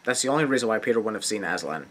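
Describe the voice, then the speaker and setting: A man giving sarcastic scripted commentary, nitpicking with mocking, deadpan asides. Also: fairly low pitch, very fast. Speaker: host of a film nitpicking video. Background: film soundtrack music.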